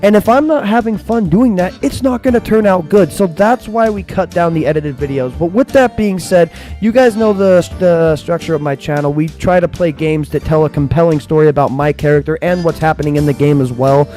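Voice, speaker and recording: A gaming channel streamer gives viewers a casual, rambling update, often checking in with "right?". His voice is fairly high, brisk and mellow, he has trouble with R sounds and says w for r, and soft music plays in the background.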